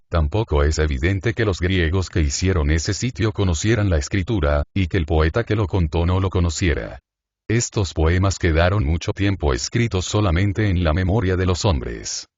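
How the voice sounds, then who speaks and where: A man narrating a philosophical essay as an audiobook, in a measured, even reading. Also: deep voice, no room sound, highs cut off.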